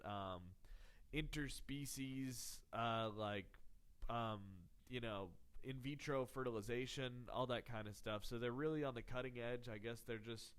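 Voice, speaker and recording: Sick and sounding nasal and congested, a podcast host from Texas rambles through a sarcastic, profanity-laced comedic monologue. His mid-range voice is smooth with a bit of brightness.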